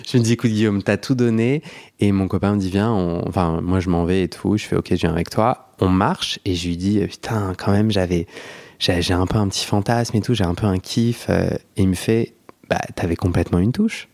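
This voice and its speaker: A man's voice: sits low, steady tone, fairly quick, darkish tone. A young man hosting a podcast, telling a story in a chatty way, laughing often and restarting his sentences. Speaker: podcast host. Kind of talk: casual storytelling chat.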